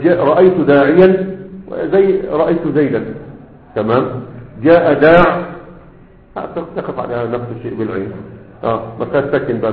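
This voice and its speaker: A man with an Egyptian Arabic accent teaching a grammar lesson, constantly quizzing his students with half-finished questions and checking they follow. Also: mid-range voice. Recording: echoey room over a tinny, phone-like line.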